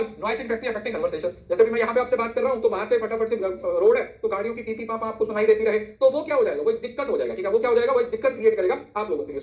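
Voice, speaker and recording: A man with a very high voice teaches a lesson at a rapid clip, constantly checking that his students follow and repeating the key terms. The sound bounces around the room he records in. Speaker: exam-prep teacher. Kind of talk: code-mixed lecture. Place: indoor room near a road. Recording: echoey room.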